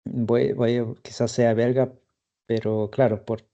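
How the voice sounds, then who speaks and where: A man's voice: medium pitch, little pitch movement, measured pace, gravelly, mellow. A man from Ecuador with an Ecuadorian accent, chatting casually on a podcast in a reflective, hesitant way. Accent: Ecuadorian Spanish. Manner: reflective, hesitant, thinking aloud. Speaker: podcast co-host. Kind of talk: casual conversation. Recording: slightly dull lo-fi audio.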